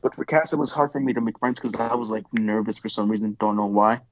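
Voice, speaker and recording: A man's voice: fairly low pitch, quick pace, dry recording, muffled recording. A teenage boy speaking bluntly and plainly in a casual podcast chat. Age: teens. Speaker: podcast co-host.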